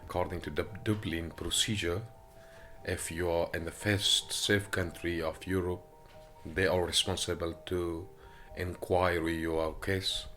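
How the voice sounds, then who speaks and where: A man from Afghanistan, speaking halting with many hesitations as he gives personal testimony in an interview, recorded in an apartment. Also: low-pitched, flat delivery, sharp tone, soft background music. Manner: halting non-native English with frequent hesitations.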